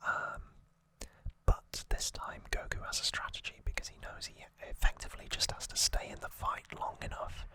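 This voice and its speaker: In a soft, breathy, unvoiced whisper, an ASMR host gently and hesitantly explains things like a relaxed recap. The pace is normal, and the recording quality is low.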